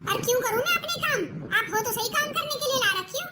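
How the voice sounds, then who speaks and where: Spoiled cartoon sister-in-law, complaining and sarcastic, voiced by a woman; very high-pitched, noisy recording. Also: animated, fast talker, echoey room, recorded from a distance. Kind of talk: cartoon voice acting. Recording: loud background noise.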